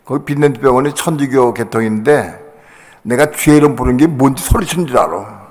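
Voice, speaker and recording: An older man, a pastor, telling a personal story in a sermon, acting out other voices with sudden loud bursts. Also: medium pitch, brisk. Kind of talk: sermon testimony. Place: church sanctuary. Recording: long hall reverb.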